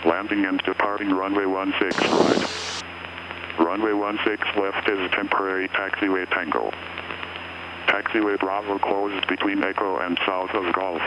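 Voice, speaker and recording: Deep-voiced man on an airport radio broadcast. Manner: measured, even delivery of numbers and notices. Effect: automated airport information broadcast heard over an aircraft radio. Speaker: recorded airport weather and information broadcast. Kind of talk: flat, scripted reading of airport information. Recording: muffled aircraft radio with loud background hum.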